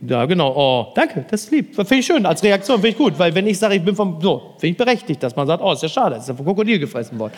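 A man chatting animatedly on a podcast and telling a family story. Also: sits high. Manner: animated storyteller, quick to laugh. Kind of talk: casual chat. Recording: long reverb.

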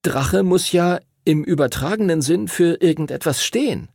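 A shy, hesitant boy who stumbles over his words, voiced by a male reader. The pitch sits well above the narrator's own, with a faint husky rasp. He is a figure in a children's storybook audiobook. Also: expressive, moderate pace, darkish tone, no room sound, studio quality, exaggerated voice. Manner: hesitant, stuttering. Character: timid, stammering schoolboy. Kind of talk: audiobook character voice.

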